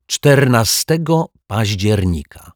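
A man's voice: fairly low pitch, animated, slow pace, no room sound, studio quality, voice pushed up. A man voicing an earnest, kind male detective in a children's story, exclaiming. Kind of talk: storybook reading.

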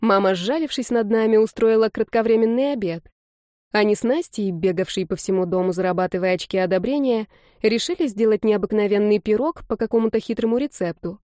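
Mellow woman narrating a novel. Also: medium pitch, brisk, no echo, studio quality. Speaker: audiobook narrator. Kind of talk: first-person novel reading.

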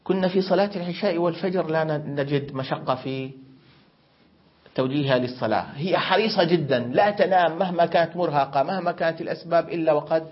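Higher-voiced middle-aged sheikh teaching. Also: male voice, quick pace. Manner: explanatory, asks questions then answers them. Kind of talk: religious grammar lesson with storytelling. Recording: muffled lo-fi lesson recording.

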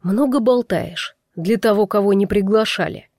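Low, hushed, icy-calm young man, as a woman reads him, dry close sound. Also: normal speed, dry recording, lightly acted. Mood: cold calm. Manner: cold and level. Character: cold, calm young man, quietly commanding.

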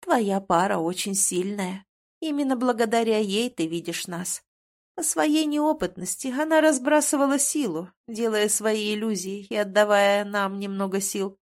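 Doting ghost granny played by a woman in an audiobook, sing-song and sweet, lifts her voice high when admiring. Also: normal speed, lightly acted. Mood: tender. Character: tender, doting ghost grandmother, a former queen. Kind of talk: audiobook character reading.

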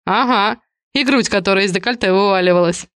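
A woman's voice: medium pitch, brisk, a bit bright, smooth, dry recording, lightly acted. A teasing male coworker, read by a woman in an audiobook. His lines are blunt and curt, with a dry, close sound.

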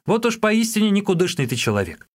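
A man voicing a cheeky young male street peddler who chatters in a high, excited voice. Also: a little fast.

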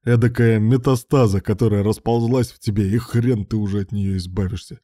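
A man's voice: lowish voice, fairly even intonation, a little fast, dark tone, no echo, clean studio sound, lightly acted. A man voicing a drunk, sneering young man. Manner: sneering, sarcastic.

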